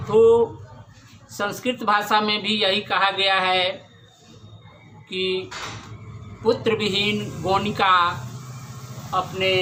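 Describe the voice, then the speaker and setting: A man teaching a class, telling a story about the origins of Sanskrit grammar in slow, deliberate speech and chanting Sanskrit verses between the explanations. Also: high-pitched, bright, forceful tone, a little hiss or hum. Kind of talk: lecture on Sanskrit grammar lore.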